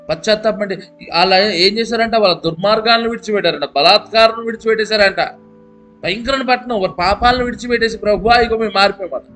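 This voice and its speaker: Male pastor with a high voice, sermon delivery, alternates emphatic and hushed, quiet guitar bed. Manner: preaching, swings between loud emphatic peaks and low hushed pleading; asks the listener rhetorical questions. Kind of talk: Telugu sermon.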